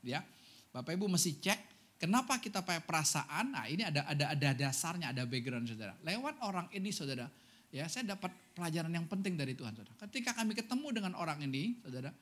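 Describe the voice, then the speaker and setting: A man pastor giving a Sunday sermon, telling stories with animated energy and often turning to address the congregation. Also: fairly high pitch, quick pace.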